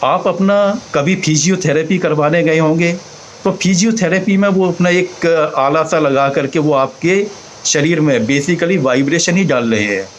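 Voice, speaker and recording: A man teaching slowly, pausing to demonstrate each sound aloud. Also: a little high, slight background noise, low-quality recording. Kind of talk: explanatory talk on chanting.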